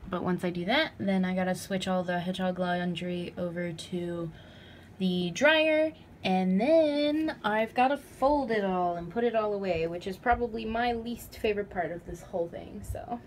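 A woman's voice: medium pitch, normal speed, a little hiss or hum. A young woman in her twenties chatting casually in a home vlog, talking sweetly to her pets. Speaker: vlogger. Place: home pet room, indoors.

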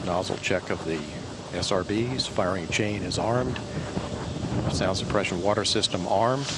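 A man's voice: deep voice, a little slow, very noisy. A man announcing a launch countdown and liftoff. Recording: broadcast with loud launch roar.

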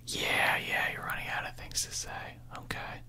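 A man in his thirties chatting casually on the phone in a breathy ASMR whisper, close to a desktop microphone in a small room. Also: moderate pace, pushed and bright. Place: small room indoors at home. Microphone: close desktop condenser microphone.

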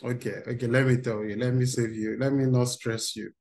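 A man's voice: mid-range voice, flat delivery, a little fast, darkish tone, slight background noise. A man, running an interactive online workshop for teens over a video call. He talks in an upbeat way and reads out replies from the chat. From Nigeria. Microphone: video call webcam.

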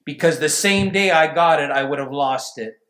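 Male pastor, high bright voice, emphatic preaching, roomy church sound. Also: normal speed. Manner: emphatic preaching, rising to near shouts. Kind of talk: sermon. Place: church sanctuary. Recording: echoey church room.

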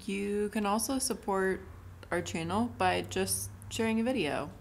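A woman's voice: mid-range voice, a little slow, creaky, slight background noise. A woman co-hosting a casual vlog, speaking in a friendly way to viewers. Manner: friendly, thankful sign-off talk. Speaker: vlog co-host.

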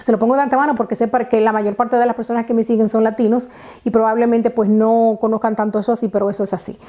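Dominican woman in her thirties, casual vlog storytelling, fairly high voice, mellow tone, lapel mic at home. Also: fast. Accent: Dominican Spanish. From Dominican Republic. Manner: chatty, animated hand gestures, many fillers and restarts. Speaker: vlogger. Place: living room at home, indoors.

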